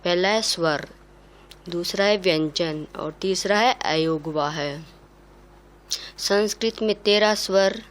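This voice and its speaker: A woman teaching a class, slowly spelling out each sound one at a time. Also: on the low side. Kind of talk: classroom lesson.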